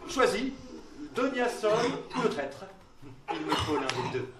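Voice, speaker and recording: A man's voice: high-pitched, very animated, slow pace, full character voice. An actor playing a proud, jealous young king in classical verse theatre. He swings from cold restraint to roaring threats. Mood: imperious. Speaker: stage actor. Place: theatre stage. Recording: echoey stage, distant mic, faint hiss.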